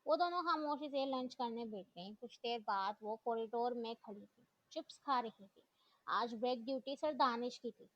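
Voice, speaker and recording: A woman narrating a novel in a steady storytelling manner. Her voice sits a little high. The recording is dull, lo-fi and completely dry. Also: no echo. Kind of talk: reading a novel aloud.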